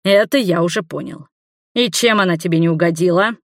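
A woman's voice: lowish voice, brisk, no echo, clean studio sound, close to an everyday voice. A woman voicing an agitated male doctor who fires off heated, almost hysterical questions. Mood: irritated.

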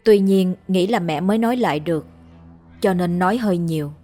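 A woman tells a ghost story in a calm, measured voice. Her pitch sits on the low side. Faint background music runs beneath the narration.

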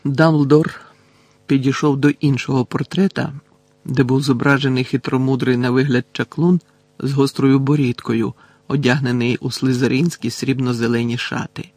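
A man narrating an audiobook in a steady, unhurried reading voice. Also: mid-range voice, dry recording.

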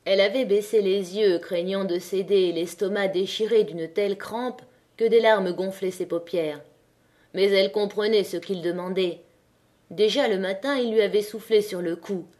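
A woman narrating an audiobook of a classic novel with a measured, expressive reading. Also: mid-range voice.

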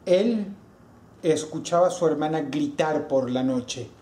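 Man telling a slow, dramatic horror story. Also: fairly high pitch, dark tone. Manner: slow and drawn out, with insistent repetition. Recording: echoey room with background noise.

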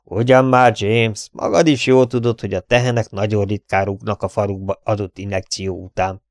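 Brisk country vet voiced by a male narrator, gruff and hurried, low gravelly voice. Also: flat delivery, darkish tone, no room sound, clean studio sound, close to an everyday voice. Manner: gruff and hurried, often dropping to a furtive whisper.

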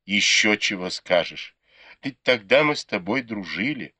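A man voicing a proud, quick-tongued young noble lady in an audiobook, reproachful and teasing. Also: on the low side, expressive, sharp tone, no echo, pitched above the performer's own voice, heavily acted. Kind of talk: audiobook character reading.

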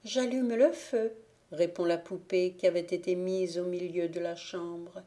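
A woman reading a fairy tale aloud for an audiobook, telling it slowly and evenly. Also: on the low side. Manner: slow, even storytelling. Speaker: audiobook reader.

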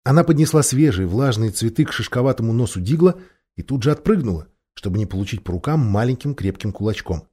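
Warm-toned male storybook reader. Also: medium pitch, husky. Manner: expressive, measured reading. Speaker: audiobook reader. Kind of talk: storybook narration.

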